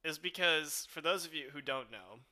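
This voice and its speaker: Bright, chatty young podcast host. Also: male voice, fairly high pitch, lively intonation, normal speed. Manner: chatty, giggly, rambling. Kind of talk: casual podcast chat.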